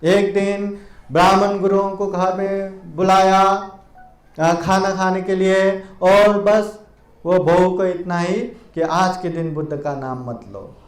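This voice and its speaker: Male Buddhist monk, storytelling sermon, high voice, echoey temple hall. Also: fairly even intonation. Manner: slow storytelling with repeated phrases.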